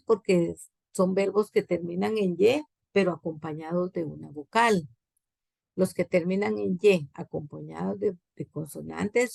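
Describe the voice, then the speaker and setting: A woman with a Guatemalan accent teaching an English grammar class, slowly repeating example words with their translations. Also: fairly low pitch, vocal fry, darkish tone, no echo. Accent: Guatemalan Spanish.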